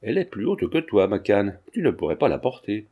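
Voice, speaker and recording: A man's voice: on the low side, big pitch swings, brisk, mellow, husky. A man reading aloud, voicing a proud young male student speaking firmly.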